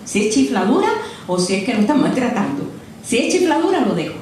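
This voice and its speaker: An older woman delivers a sermon like a long chat, telling stories and checking in with her listeners. Her voice sits a touch high. The recording comes from a way off in a strongly echoing room with a faint hiss behind it. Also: very animated, fairly quick, a little mellow. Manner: chatty storytelling, frequent "¿eh?" asides. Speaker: preacher. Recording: echoey room picked up from a distance.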